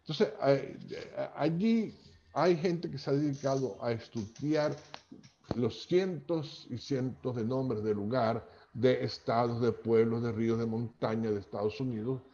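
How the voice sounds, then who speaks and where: A man's voice: mid-range voice, dark tone. A man with a Venezuelan accent from Maracaibo, a linguistics professor giving a chatty lecture over a video call, often checking in with "¿ok?". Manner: chatty, tags lines with "¿ok?". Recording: dull, lo-fi video call audio.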